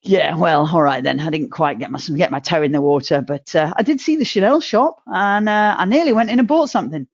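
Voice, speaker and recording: A middle-aged woman giving a humorous motivational talk, chatty and self-mocking, with sudden jumps in pitch. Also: lively intonation, brisk, hardly any pauses, no echo, muffled recording. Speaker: motivational speaker.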